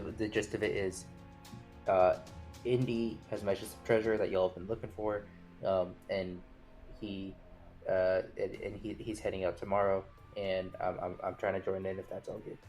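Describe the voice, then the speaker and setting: A man's voice: sits low, little pitch movement, normal speed, darkish tone, soft background music. A man who plays in a tabletop role-playing game and chats casually, stammering and repeating words. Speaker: player. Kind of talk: casual actual-play chat.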